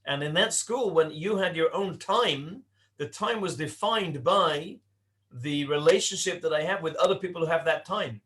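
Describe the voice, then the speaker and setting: A man raised in Britain teaching a Torah class to young adults in a conversational way, asking rhetorical questions and slowing down to stress points. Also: on the high side, fairly bright tone. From Britain (born in Leicester, raised in Cardiff).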